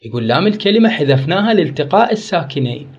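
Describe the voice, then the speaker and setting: A man's voice: a little high, sing-song, very fast, soft background music. A man teaching an Arabic grammar lesson, repeating key words and quizzing his class with questions. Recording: dull lo-fi recording.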